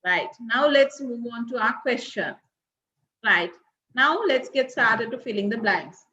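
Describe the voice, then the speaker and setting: Slow Sri woman teaching, roomy sound. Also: on the high side, expressive, pushed and bright. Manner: keeps checking in with "right?" and "okay?". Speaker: English teacher. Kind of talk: recorded grade-six revision lesson. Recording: roomy, dull lo-fi recording.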